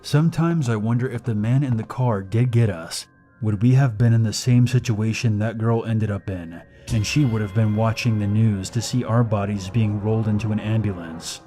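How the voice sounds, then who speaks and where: A man narrating a scary personal story in a steady, measured way. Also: on the low side, soft background music.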